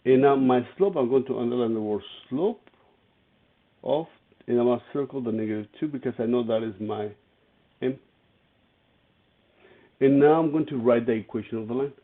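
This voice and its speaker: A man's voice: mid-range voice, moderate pace, long pauses. A man teaching an algebra lesson, walking through each step and asking his students questions as he goes. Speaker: math teacher. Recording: tinny phone-like lo-fi audio.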